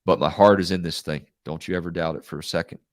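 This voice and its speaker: A man with a congested, nasal baritone that sounds like his nose is pinched, hosting live college football talk in a conversational, think-aloud way. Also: fairly even intonation, fast, no echo, clean studio sound. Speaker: host of a live college football recruiting show. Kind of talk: live sports talk and commentary.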